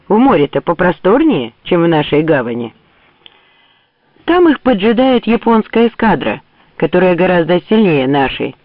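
A man's voice: high-pitched, very animated, moderate pace, no room sound. A man voicing a grumbling, sarcastic old general in a mocking way. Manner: sneering, mocking. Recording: tinny phone-like dry audio.

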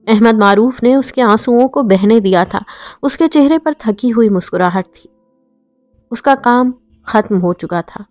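A woman reads a novel aloud in a steady, emotive storytelling manner. Her voice sits at a middle pitch and is recorded dry and close, with faint music behind it. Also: no room sound. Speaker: audiobook narrator. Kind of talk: scripted novel narration.

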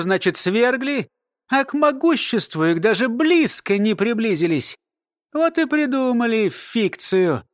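A sardonic old woman explains and scoffs in a lecturing tone, read by a man. She sounds high and dry up close, with no room around her, in an audiobook. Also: dry recording. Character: sly, grumpy old woman, a lore-keeper. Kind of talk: audiobook character voice.

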